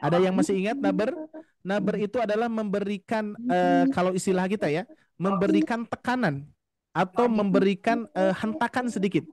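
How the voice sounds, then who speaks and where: A man's voice: high-pitched, darkish tone. A man teaching Quran recitation in an online class, explaining patiently and addressing his students politely. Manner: patient, explains slowly, often addresses "Bapak Ibu", models recitation drawn out. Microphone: video call.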